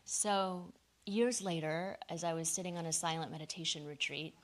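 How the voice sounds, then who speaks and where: Low-voiced woman giving a podium talk. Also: normal speed. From United States. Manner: conversational, earnest storytelling with fillers. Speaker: guest speaker. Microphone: handheld or lapel microphone.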